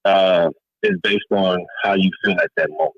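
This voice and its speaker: A man calling in to a talk show, his voice muffled as if heard through a wall while he thinks aloud haltingly. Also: low voice, steady tone, dry recording. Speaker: caller. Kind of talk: call-in talk. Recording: dull, lo-fi phone line.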